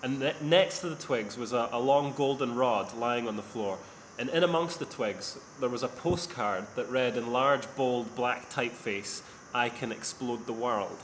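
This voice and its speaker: A man's voice: medium pitch, normal speed, hardly any pauses, fairly bright tone, a little hiss or hum. Guy hosting a podcast, rambly and self-deprecating, echoey bare living room, laptop mic. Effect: echoey sound from a near-empty living room. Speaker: podcast host. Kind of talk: casual podcast chat. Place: sparse living room, indoors.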